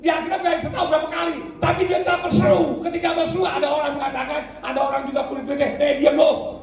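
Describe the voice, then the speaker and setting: A male pastor preaching in a lively, colloquial way, slipping into slang and acting out the people he quotes. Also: very high voice, quick pace. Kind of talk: sermon. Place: church hall. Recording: echoey church hall, distant mic, faint noise.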